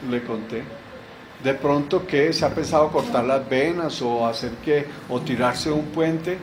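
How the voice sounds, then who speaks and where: A man's voice: medium pitch, unhurried, noisy background. A middle-aged man preaching a sermon in a church, asking rhetorical questions and answering them with emphasis.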